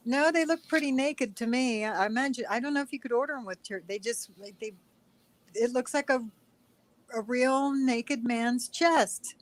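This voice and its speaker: Hesitant higher-voiced woman. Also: normal speed, poor audio. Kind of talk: casual group chat.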